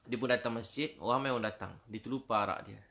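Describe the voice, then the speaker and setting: A middle-aged preacher with a Malaysian Malay accent and a gravelly, medium-pitched voice delivers a storytelling sermon. He recites verses in slow Arabic, then shifts into lively, casual storytelling, and his voice turns soft and pleading when he prays.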